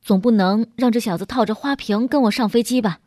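A woman voicing a brusque, hurried middle-aged businessman in a storybook reading, with a lowered, loud, blunt delivery. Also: dry recording, clean studio sound, natural voice.

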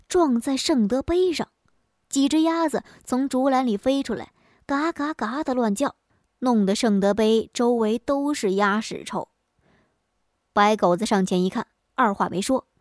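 A woman narrating a traditional folk story in a lively, expressive way. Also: a little high, dry recording, studio quality.

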